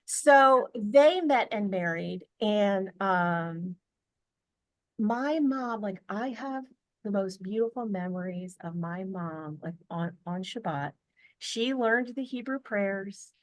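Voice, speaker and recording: A woman's voice: mid-range voice, lively intonation, slow, no room sound. An American woman, a podcast guest, telling a family story in an earnest, chatty way, full of fillers and restarts, over a video call. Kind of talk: casual storytelling interview.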